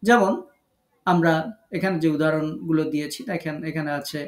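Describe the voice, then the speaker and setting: A man teaching Quran recitation rules in an online lesson, patiently repeating each rule and drawing out example words slowly. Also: a little high, fairly even intonation. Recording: echoey room.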